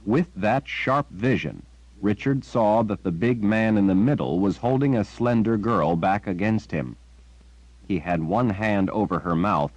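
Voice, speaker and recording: A man reading a fantasy novel as audiobook narrator, in measured scripted narration. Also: on the low side, no echo, poor audio.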